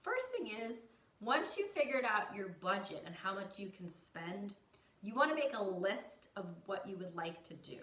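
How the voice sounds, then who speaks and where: A woman's voice: mid-range voice, pushed and bright, distant mic. A woman who teaches design, talking to viewers in a chatty, emphatic way with self-mocking humor. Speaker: design educator. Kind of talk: casual teaching monologue. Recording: roomy echo, voice off-mic.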